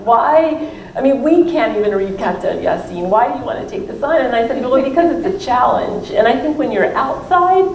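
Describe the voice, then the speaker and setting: A female professor whose first language isn't French talks casually about her book at a library Q&A, rambling and qualifying what she says. Her fairly high, creaky voice is expressive, moving at a moderate pace with few pauses. A distant microphone captures roomy sound and faint room noise.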